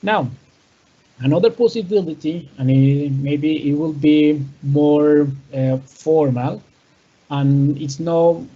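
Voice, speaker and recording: Male teacher, fairly high, husky voice; explains step by step with fillers; dull lo-fi recording. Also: drawn-out words. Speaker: English teacher. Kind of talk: bilingual online class.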